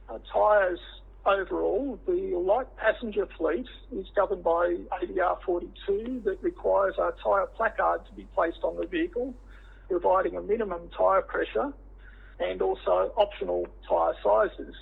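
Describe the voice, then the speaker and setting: Hoarse after throat surgery, an Australian man who directs a tyre safety body gives formal witness testimony over a teleconference line, measured and halting. His high voice comes out croaky and froggy, and the phone-line audio is tinny and band-limited.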